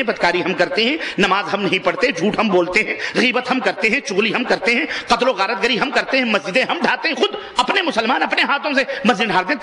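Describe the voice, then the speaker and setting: A man with a Pakistani Urdu accent preaches an impassioned sermon, pushing his listeners with rhetorical questions and rising to emphatic peaks. His voice sits very high and sounds bright and forceful. The room around him rings with echo. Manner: exhorting, rhetorical questions to the congregation.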